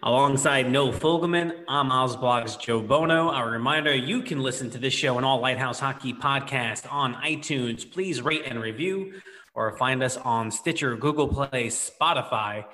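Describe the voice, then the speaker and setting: A man's voice: mid-range voice, normal speed, sharp tone, big-room sound. A man hosting a sports podcast. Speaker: podcast host.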